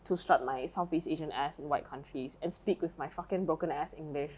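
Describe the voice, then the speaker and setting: A woman's voice: low voice, brisk, a little mellow. A young Malaysian woman with a Malaysian accent, co-hosting a casual chat podcast. She tells stories brashly and swears a lot. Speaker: podcast co-host.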